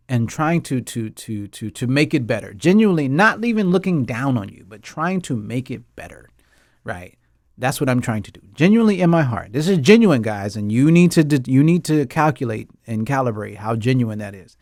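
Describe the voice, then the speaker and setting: With a darkish, mid-range voice and clean studio audio free of room sound, this male host and English teacher rants about a TV drama in a casual chat. He's emphatic and repetitive, and he laughs frequently.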